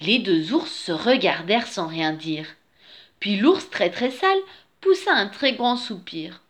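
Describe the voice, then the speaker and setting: A woman reading a children's story aloud in an expressive, sing-song way with a repeating refrain. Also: medium pitch, measured pace.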